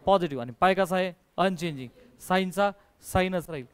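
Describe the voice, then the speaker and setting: A man's voice: high voice, normal speed, clear, resonant tone, no room sound. A male math teacher giving a call-and-response lesson, coaxing and quizzing his students and mixing in English terms. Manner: coaxing, quizzes students, calls them dear.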